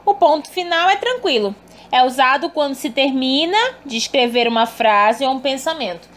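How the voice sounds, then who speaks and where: A woman's voice: high voice, moderate pace, a bit bright. A woman teaching an online class, explaining patiently and checking in with her students as she goes. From Brazil. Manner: patient, explanatory, uses tag questions and affectionate asides.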